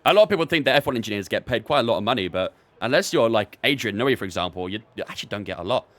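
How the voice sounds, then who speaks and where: A man's voice: on the low side, expressive, rapid-fire, fairly bright tone, no echo. A young man streaming a racing game from his bedroom, chatting with viewers between laps. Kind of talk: casual live-stream chat while racing.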